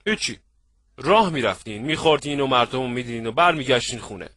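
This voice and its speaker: Casting note: male seminar trainer, husky edge, dry close sound, lively, acts out scenes. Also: mid-range voice, dry recording. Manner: lively, acts out little scenes, asks the audience if they follow. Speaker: networking trainer. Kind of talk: animated seminar lecture.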